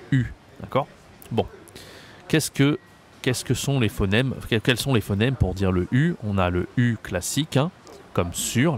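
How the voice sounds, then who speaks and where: A man teaching French pronunciation, slowly repeating each example word with patient explanations. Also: lowish voice.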